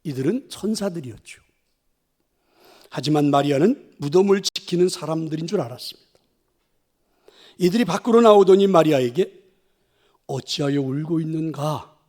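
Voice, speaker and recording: A male pastor retelling a scripture story in a sermon, dramatic and often dropping to a hush. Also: a little high, animated, normal speed, long pauses. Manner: dramatic, dropping to hushed whispers.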